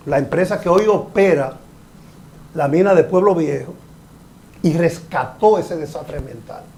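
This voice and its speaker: An older man with a notably high speaking voice talks through a technical subject on a panel show. He explains at length in a measured way and leans into his points now and then. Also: warm tone, slight background noise. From Dominican Republic. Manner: explanatory, measured, occasionally emphatic. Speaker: guest engineer. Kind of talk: panel talk show discussion.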